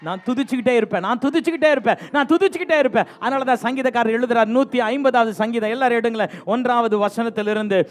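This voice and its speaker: A man preaching a lively bilingual sermon in church, exhorting and teasing the congregation and repeating refrains for them to answer. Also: extremely high pitch, racing, hardly any pauses. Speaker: pastor. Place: church sanctuary.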